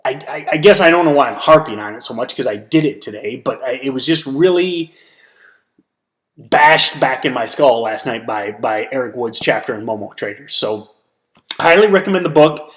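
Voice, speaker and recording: A man's voice: mid-range voice, lively intonation, normal speed, fairly bright tone. A tired man giving a casual solo recap of his trading day, rambling with many restarts and fillers. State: tired, yawning. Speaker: stock trader giving a daily recap.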